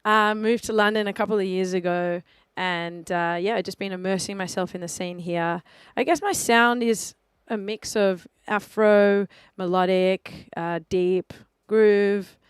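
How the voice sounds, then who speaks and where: A woman with an Australian accent, a DJ talking easily as a guest in a radio studio, chatty and filling pauses with ums. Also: medium pitch, fairly even intonation, clear, resonant tone, no echo. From Melbourne, Australia. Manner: chatty, easygoing, many ums and uhs. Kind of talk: casual radio interview.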